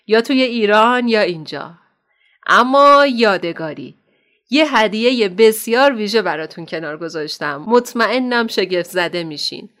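An actress playing a kindly, motherly woman doctor who counsels young women, speaking gently and affectionately in a radio drama. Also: medium pitch, lively intonation, natural voice. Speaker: counselor at an Islamic center.

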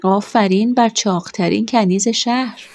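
A woman playing a gentle young bride. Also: medium pitch, steady tone, soft background music, natural voice. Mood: playful. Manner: gentle, affectionate. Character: kind young bride, affectionate and teasing. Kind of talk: audiobook drama.

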